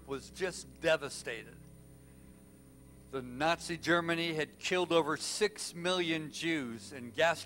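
A male pastor preaching a sermon, telling a story with passion and swinging from loud to hushed. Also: on the high side, slight background noise.

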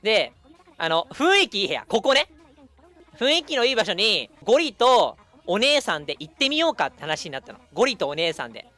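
Lively young man telling a story. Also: high voice, a little fast, soft background music. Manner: animated, acts out quoted people. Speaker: streamer. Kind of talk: casual storytelling chat.

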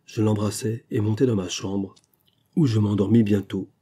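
Low husky male audiobook reader. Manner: measured, steady storytelling. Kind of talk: audiobook narration of a classic detective story.

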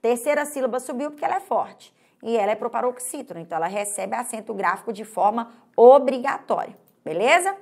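A woman from Brazil gives an online grammar lesson in a slightly high voice. She stretches out example words and keeps checking in with her students. Her pace is uneven, with slow stretches and quick bursts. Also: animated, gravelly, a little mellow, husky. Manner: pauses and hurries unevenly. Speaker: Portuguese language teacher.

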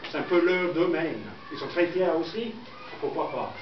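High-pitched English man teaching, echoey classroom. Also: normal speed. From southern England. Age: middle-aged. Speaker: primary school teacher. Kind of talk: classroom lesson. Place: indoor school classroom with pupils. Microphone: distant camera microphone. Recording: echoey noisy classroom, muffled, from far off.

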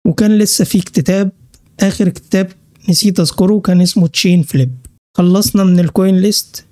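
A combative Egyptian-accented man with a high, dark-toned voice rattles through a list on screen. He turns sharply on hostile commenters. The recording is dry and close, with no room sound. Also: no room sound. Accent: Egyptian Arabic. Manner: brisk list-reading walkthrough. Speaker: crypto channel host. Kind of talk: screen-share vlog commentary.

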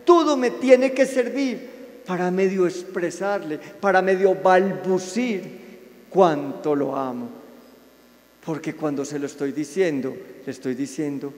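A man, a Franciscan friar giving a sermon to a live audience, warm and playful, with sudden soft, intimate asides. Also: high voice, takes it slowly. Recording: reverberant hall sound.

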